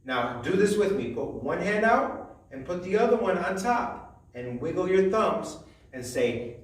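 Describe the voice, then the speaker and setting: A man's voice: high-pitched, big pitch swings, a little slow, distant mic. A man teaching young children a phonics lesson in a sing-song voice, drawing out each letter sound. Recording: echoey room, voice from the mic.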